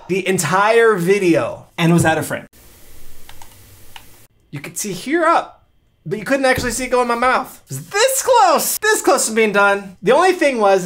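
Animated man doing gaming commentary. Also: very high-pitched, slight background noise. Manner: animated, self-mocking, reacting aloud while gaming. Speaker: YouTube creator. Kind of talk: casual vlog and gameplay commentary.

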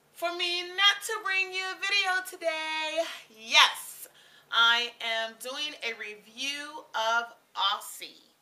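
A woman's voice: a little high, pushed and bright, distant mic. A woman in her thirties from the southern United States, chatting emphatically in a casual hair-product review vlog, with frequent ums.

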